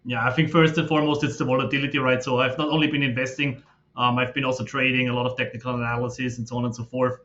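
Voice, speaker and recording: A man, a podcast guest who explains his background in a steady, filler-laden way. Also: medium pitch, fast. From Austria. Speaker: guest, fund manager. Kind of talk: casual interview talk. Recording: slightly dull lo-fi audio.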